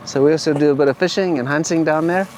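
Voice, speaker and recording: A man's voice: on the high side, fast talker, a little mellow, slight background noise. A man with a South African accent, chatting casually. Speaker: safari outfitter, guest angler. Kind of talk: casual chat. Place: outdoors on a fishing boat.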